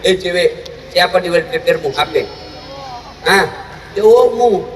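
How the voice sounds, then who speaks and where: A male preacher giving a humorous sermon and quizzing his listeners directly in a lively, joking way. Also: sits high, normal speed, a little hiss or hum. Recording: echoey hall, voice from far off, faint ambience.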